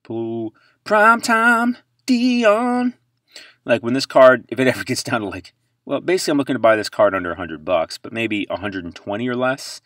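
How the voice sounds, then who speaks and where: A man with a somewhat low voice talks through price charts in an offhand, chatty way. He rambles and trails off, then bursts into loud exclamations. The sound is dry, with no room echo. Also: fast talker. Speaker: sports card investing channel host. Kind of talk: casual commentary while browsing price charts.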